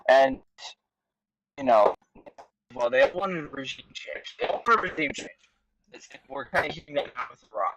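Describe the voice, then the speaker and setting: A man calling into an online debate, his voice breaking up into a choppy robotic sound from a failing internet connection, speaking haltingly with many restarts. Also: on the high side, big pitch swings, gravelly, noisy background. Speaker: debate caller.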